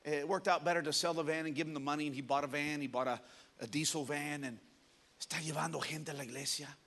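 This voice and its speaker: A man's voice: on the high side, fairly even intonation, a little fast, a bit bright. A male pastor preaching animatedly to young people, switching between Spanish and English and acting out stories.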